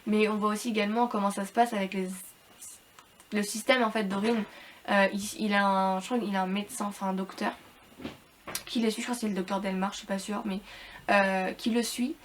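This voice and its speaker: A woman's voice: mid-range voice, level tone, fairly quick, slight background noise. A woman giving a casual, rambling book review to viewers, hesitant and repetitive, with informal slangy wording and slightly robotic, unclear speech because she is ill. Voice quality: slightly robotic, hard-to-understand speech from illness.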